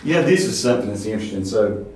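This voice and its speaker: A man's voice: lowish voice, expressive, fast, a little mellow, slight background noise. Southern Appalachian man, echoey and distant. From southern Appalachian United States. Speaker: interviewer. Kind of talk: casual conversational interview. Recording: very echoey room, off mic.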